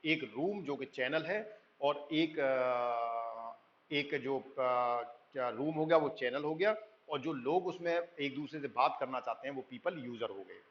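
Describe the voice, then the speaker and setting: A man lecturing, explaining in Hindi and slowly reading English lines from slides, often checking with "thik hai". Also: medium pitch, highs cut off, slight background noise. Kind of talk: recorded lecture.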